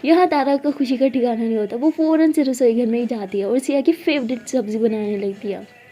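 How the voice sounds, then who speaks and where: Woman narrator, casual story telling, chatty asides, high pitch, warm mellow tone. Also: brisk.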